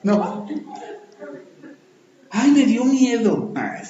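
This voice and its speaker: A man, preaching a sermon in a church with animated, dramatic delivery and acted-out voices. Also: extremely high pitch, drawn-out words, lo-fi sound, slight background noise. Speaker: pastor. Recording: echoey church hall.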